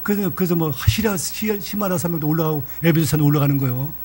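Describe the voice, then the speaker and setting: An older man preaching a sermon in a church, telling a story in a lively, folksy way. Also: a little high, quick pace, a little hiss or hum. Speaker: pastor.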